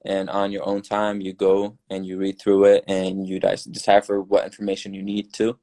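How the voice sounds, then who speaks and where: A young man from Syria, a newly graduated dentist, giving earnest, relaxed advice as a podcast guest. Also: sits low, normal speed. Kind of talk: casual podcast chat.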